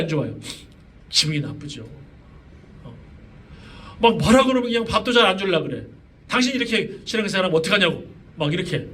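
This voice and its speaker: A man's voice: on the high side, a bit bright. A middle-aged male pastor preaching a sermon in a casual, conversational way, often asking the congregation questions. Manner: conversational preaching with many fillers and rhetorical questions. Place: church sanctuary. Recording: voice from a distance, faint room noise.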